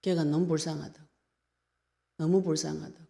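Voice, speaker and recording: A woman's voice: low voice, level tone, normal speed, gravelly, dark tone. A woman pastor with a Gyeongsang Korean accent, preaching a sermon in an earnest, conversational way.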